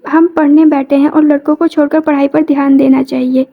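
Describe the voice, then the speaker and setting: A woman's voice: high-pitched, little pitch movement, a little fast, narrow, tinny audio. A woman voicing a reserved, proud young female student who speaks curtly. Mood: guarded.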